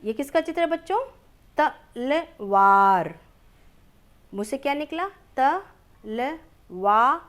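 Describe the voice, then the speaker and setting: Female teacher for a kids' lesson. High and lively, slow and drawn out, answers her own questions. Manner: slow and drawn-out, stretches each word; asks children questions, then answers them herself. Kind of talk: children's lesson, reading aloud.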